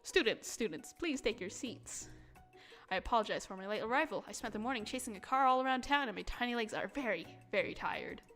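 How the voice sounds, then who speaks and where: A woman voicing a small, tired male dog who is a professor, lecturing slowly and fussily. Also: fairly high pitch, animated, a bit bright, faint music behind. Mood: weary. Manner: slow, fussy lecturing.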